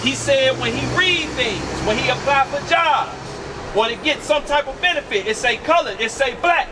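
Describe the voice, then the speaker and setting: Out on a city street, a man preaches in an extremely high-pitched, animated voice at a moderate pace, emphatic and commanding. He poses rhetorical questions and keeps calling on a reader with a repeated "read" in call-and-response. A distant mic catches street noise.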